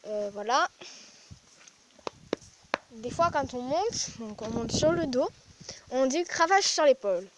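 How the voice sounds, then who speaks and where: A woman's voice: high-pitched, expressive, slow pace, pauses often, noisy background. A young woman with a French accent explaining horse anatomy in a casual vlog, full of fillers and restarts. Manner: chatty, many fillers and restarts. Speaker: horse vlogger. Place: outdoors in a stable yard with horses.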